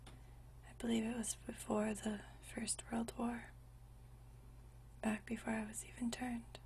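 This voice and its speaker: In a whispered ASMR roleplay, a woman voices a gentle century-old vampire, fond and nostalgic, speaking softly and intimately with unhurried, genteel old-fashioned phrasing. Her soft breathy whisper is fairly high, monotone and close to an everyday voice, caught on a distant mic with a little hiss or hum.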